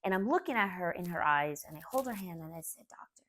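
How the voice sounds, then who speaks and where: A woman in her forties who grew up in Laos tells a personal story in a soft-spoken, candid way. Her voice sits a little low for a woman, and her delivery is earnest and unpolished. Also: expressive, quick pace. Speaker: martial arts school owner.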